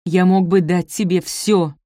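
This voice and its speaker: A woman reading the part of an arrogant, angry young nobleman, loud and domineering. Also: fairly low pitch, moderate pace, dry recording, clean studio sound, lightly acted.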